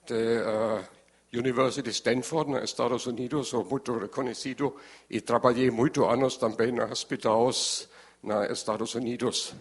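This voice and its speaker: Slow, halting man with a German accent. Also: medium pitch, husky. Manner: halting, searching for words in non-fluent Portuguese. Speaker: presenter. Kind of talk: formal presentation.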